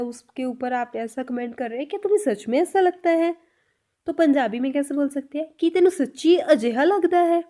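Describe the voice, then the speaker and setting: A woman teaching a spoken language lesson, saying each example sentence slowly and repeating it. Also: high-pitched, warm tone.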